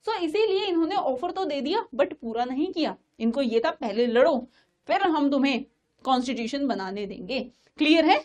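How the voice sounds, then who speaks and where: A young woman with a high, bright-toned voice teaches an online exam-prep lecture. She speaks with an Indian English accent and tells history as a story, often pausing to check that her students are following. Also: expressive, dull audio. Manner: storytelling, coaxing students, frequent "theek hai" checks.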